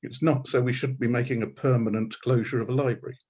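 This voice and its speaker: Husky-voiced guy making his case in a debate, firm and pointed. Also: medium pitch, steady tone, fast talker, a little mellow, muffled recording. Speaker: Green Party candidate. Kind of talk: debate answer.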